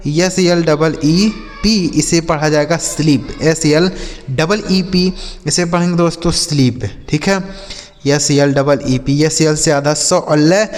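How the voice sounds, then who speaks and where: A man teaching English words, spelling each one letter by letter and slowing down to read out example sentences. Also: a little high, long reverb tail. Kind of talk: spelling and word-meaning lesson.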